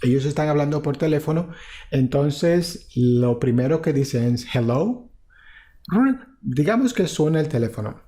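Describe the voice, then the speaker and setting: A man teaching an English lesson to Spanish speakers, repeating English phrases slowly and then explaining them in Spanish. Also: a little high, expressive, mellow.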